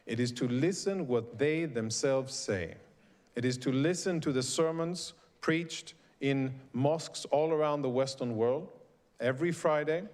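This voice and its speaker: This middle-aged Swedish speaker, invited to give a prepared talk before a live audience, stresses his words deliberately. His pitch is fairly high and his tone darkish.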